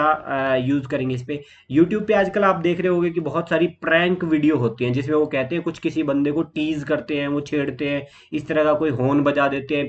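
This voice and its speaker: Indian guy explaining vocab for exams, bit high voice, muffled lo-fi audio. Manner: steady explaining with fillers and lists. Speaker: exam vocabulary teacher. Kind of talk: explanatory lesson.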